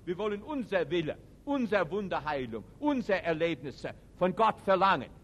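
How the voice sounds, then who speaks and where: A man preaching a sermon to a live audience. He speaks emphatically, with non-native German grammar, and moves between loud outbursts and quiet reflection. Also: high voice, big pitch swings, normal speed, husky. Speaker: preacher and teacher.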